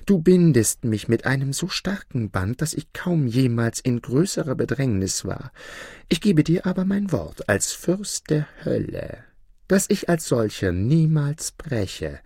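A sly devil in a folk tale talks in a soft, wheedling tone that sits well above the narrator's usual pitch, put on by a man. The delivery is unhurried and bends widely in melody. The sound is dry and close. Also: sing-song, husky, no echo, exaggerated voice. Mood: vexed. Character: sly male devil, smooth and evasive.

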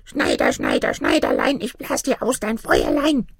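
A man voicing a tiny, spiteful magic manikin from a fairy tale, in a thin, whispering squeak. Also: wildly swooping pitch, normal speed, creaky, slightly rough, no echo, studio quality, exaggerated voice. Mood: taunting.

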